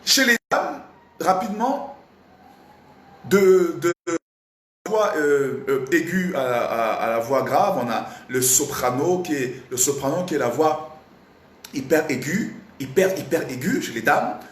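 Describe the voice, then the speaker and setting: Slightly hoarse man teaching a singing class. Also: fairly high pitch, a little slow. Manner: animated, repetitive, questions the audience. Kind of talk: live online singing lesson. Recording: roomy echo, faint background noise.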